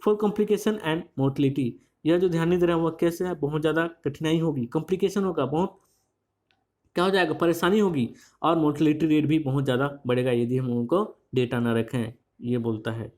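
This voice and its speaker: A teacher, reading newspaper lines slowly and explaining each phrase at length, with many repeats. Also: medium pitch, fairly even intonation, a little mellow. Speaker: English teacher. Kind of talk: bilingual newspaper reading lesson.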